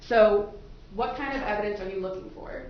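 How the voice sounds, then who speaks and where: A woman defense attorney with a mid-range voice and a moderate pace questions potential jurors through a courtroom microphone. She keeps it informal and explanatory, and the audio comes through echoey, muffled and noisy.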